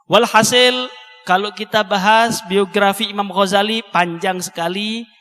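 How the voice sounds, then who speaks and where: A man's voice: high voice, fairly even intonation, a little slow, pushed and bright, soft background music. A man giving a sermon, fervent and repetitive, talking straight to his listeners. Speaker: preacher teaching a religious book. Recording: long hall reverb.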